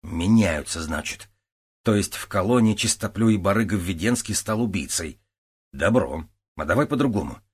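A man's voice: deep voice, animated, normal speed, husky. A man voicing a weary, exasperated middle-aged police captain who barks orders and cuts in with sarcasm, read as an audiobook character. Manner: stern, sarcastic, barking orders.

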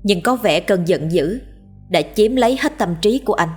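A woman narrating a ghost story in a steady, measured way. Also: mid-range voice, slightly rough. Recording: faint background music.

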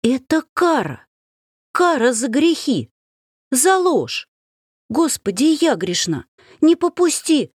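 A woman's voice: big pitch swings, normal speed, hardly any pauses, no room sound, studio quality. Shrieking terrified young woman, as a woman reader plays her. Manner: shrill, shrieking. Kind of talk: audiobook character acting.

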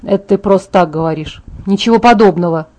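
A cocky teenage boy in a storybook reading, calm and smug, teasing without a care, as a woman narrator reads him. The voice stays mellow and darkish, close to the reader's own. It is an everyday read rather than a full character voice. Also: medium pitch, fairly quick, lightly acted.

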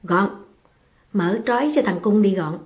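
A woman's voice: medium pitch, a little slow, close to an everyday voice. A woman voicing a stern village official. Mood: commanding. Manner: curt, commanding. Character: stern male village official giving orders. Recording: slightly muffled, faint music behind.

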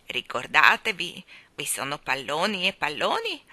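Reading aloud, a woman takes on the role of a fond, trembling old balloon seller, her low voice swooping wildly in pitch as she stretches words into a sing-song. The delivery is exaggerated, quavering and tremulous, full of loud endearments, with a doting, wistful mood and no room sound.

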